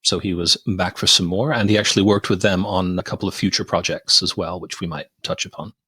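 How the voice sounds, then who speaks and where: A man's voice: sits low, fairly quick, breathy edge, dry recording. Amused man recapping a film. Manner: animated storyteller, recaps scenes with amused laughs. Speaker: podcast host. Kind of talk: casual film review chat.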